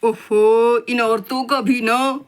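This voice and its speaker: A woman's voice: a little high, fairly even intonation, slow, clean tone. A woman voicing a lazy husband who sounds drowsy and grumbles. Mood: sleepy. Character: sleepy, lazy grown husband.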